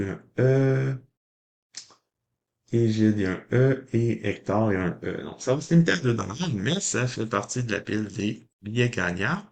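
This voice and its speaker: A man's voice: mid-range voice, creaky. A man with a Québécois French accent, chatting casually to viewers as he scratches lottery tickets and reads out the symbols and letters. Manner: chatty, addresses viewers as ladies and gentlemen, mild mock drama. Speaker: lottery scratch-card vlogger.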